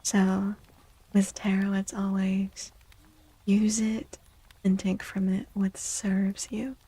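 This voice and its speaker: Gently livestreaming an ASMR tarot reading, a woman speaks at medium pitch in a breathy voice that often turns to a whisper. Her delivery is completely flat, yet her reassurance is soothing and unhurried.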